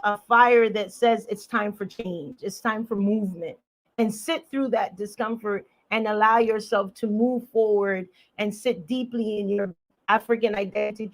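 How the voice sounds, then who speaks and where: A woman's voice: fairly high pitch, a little hiss or hum. A woman opening a video-call panel, first reciting a rhythmic spoken word poem, then welcoming everyone in a casual way, with Spanish phrases mixed in. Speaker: panel opener and poet.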